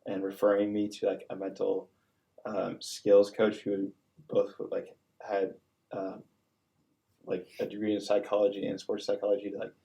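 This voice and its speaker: A man's voice: fairly low pitch, darkish tone. A young man, a college student-athlete, talking earnestly in a casual podcast chat with many fillers. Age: young adult.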